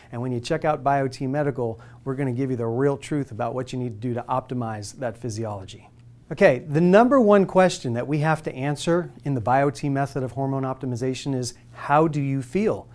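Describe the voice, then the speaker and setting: A man in his forties giving an energetic, persuasive health talk and putting questions straight to the listener. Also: mid-range voice, brisk. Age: 40s. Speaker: presenter.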